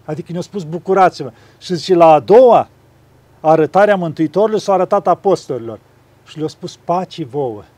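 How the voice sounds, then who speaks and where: A man, an abbot, talking gently about faith and acting out little dialogues as he tells stories. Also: fairly high pitch, no room sound. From Romania. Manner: gentle storytelling, acts out dialogues. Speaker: monk and abbot. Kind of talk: spiritual conversation.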